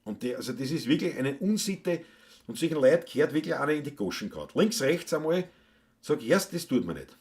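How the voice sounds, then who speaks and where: A man with a Viennese accent, chatting casually and gruffly on a solo live stream, joking and cursing between songs. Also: fairly high pitch, sing-song, a little fast, a little mellow. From Austria. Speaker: solo livestream musician. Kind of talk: casual live-stream chat with Wienerlied singing. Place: home, indoors.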